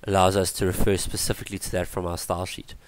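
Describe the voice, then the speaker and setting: A tutorial instructor leads a coding screencast, thinking aloud with fillers and correcting himself as he goes. He talks fast in a low, level voice, with no echo.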